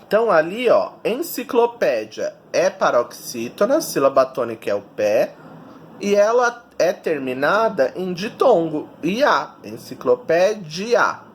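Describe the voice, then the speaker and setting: A man's voice: high voice, slight background noise. A man, a teacher giving a recorded video lesson and patiently explaining each step to children.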